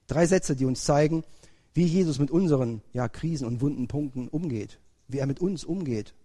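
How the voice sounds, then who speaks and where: A man preaching a sermon, first reading scripture slowly, then preaching with rising emphasis. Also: mid-range voice, warm tone. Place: church. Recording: long reverb of a church hall.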